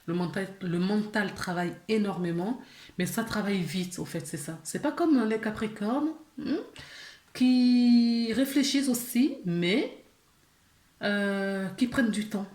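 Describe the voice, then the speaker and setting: A woman's voice: medium pitch, measured pace, a little mellow, reverberant. A woman giving a casual tarot reading to her viewers, chatty, with many fillers, restarts and small laughs. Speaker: tarot card reader.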